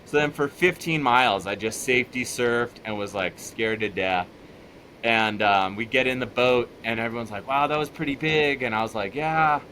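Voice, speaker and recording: A man telling casual stories in a relaxed chat, animated and laughing as he goes. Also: fairly low pitch, normal speed, slight background noise. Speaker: podcast guest.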